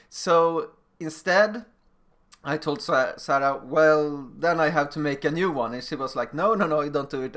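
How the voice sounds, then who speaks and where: This lecture comes from a man from Sweden who teaches middle school, speaking in a mid-range, slightly bright voice. His Swedish-accented English is plain and a bit non-fluent, as a non-native speaker's. The presentation is informal and recorded, woven with personal stories.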